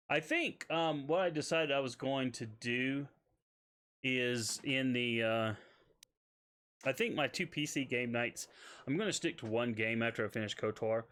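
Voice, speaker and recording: A man's voice: medium pitch, a bit bright. A man from the South, chatting casually on a game stream, reading chat aloud with many hesitations. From Southern United States.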